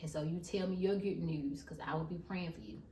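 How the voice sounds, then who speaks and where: A woman tells her story straight to her viewers, emphatic and calling them y'all. Her voice sits a bit low. She is heard from a distance in a roomy, echoing space with faint ambient noise. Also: brisk, warm tone. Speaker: vlogger. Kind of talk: casual testimony vlog. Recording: echoey room, voice from far off.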